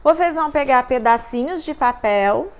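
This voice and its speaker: A woman teacher giving a children's lesson recap, talking slowly in a sing-song way and spelling words out syllable by syllable for small children. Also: high voice, animated, clean tone.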